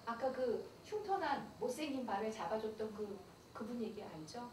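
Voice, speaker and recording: A middle-aged pastor's wife giving a playful, confiding church camp lecture on dating in a large hall. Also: female voice, fairly high pitch, animated, normal speed, a little mellow. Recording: echoey hall, far mic, noisy.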